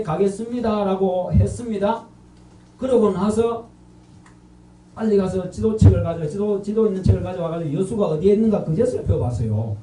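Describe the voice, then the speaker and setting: A man's voice: high voice, mellow, a little hiss or hum. A middle-aged man with a Gyeongsang accent preaching an evangelistic sermon, quizzing the congregation and repeating their answers. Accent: Gyeongsang Korean. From North Gyeongsang, Korea. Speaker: pastor. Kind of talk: evangelistic sermon with call-and-response. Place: large church sanctuary. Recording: echoey and distant from the mic.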